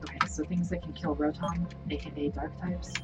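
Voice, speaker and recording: A woman's voice: low-pitched, fairly even intonation, brisk. A woman chatting casually while playing a video game. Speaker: gamer reading game dialogue aloud. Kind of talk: casual gameplay chat. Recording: distant mic under loud game music.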